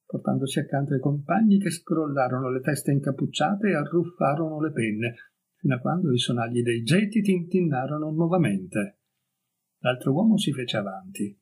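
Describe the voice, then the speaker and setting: A man reading a story aloud as an audiobook, in a calm and measured narrating voice. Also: mid-range voice, breathy edge, rough recording. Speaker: audiobook reader.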